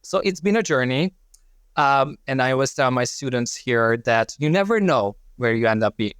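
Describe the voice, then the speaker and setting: A man's voice: mid-range voice, lively intonation, moderate pace, a bit bright, clean tone, no room sound, studio quality. A man from Hungary, a lecturer, answering interview questions thoughtfully with many fillers over a remote call. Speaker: lecturer and guest. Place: joining virtually from home.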